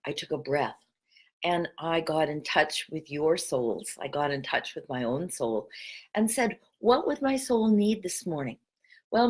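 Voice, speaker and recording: A middle-aged woman spiritual coach with a Pacific Northwest American accent, talking in a gentle, chatty vlog style with guided breathing. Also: sits low. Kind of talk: casual spiritual vlog talk.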